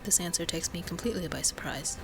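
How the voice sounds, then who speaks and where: A woman's voice: fairly low pitch, fast talker, vocal fry. A woman streaming a game, reading its story aloud with casual asides and sometimes stumbling over and rereading lines. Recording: music behind the voice.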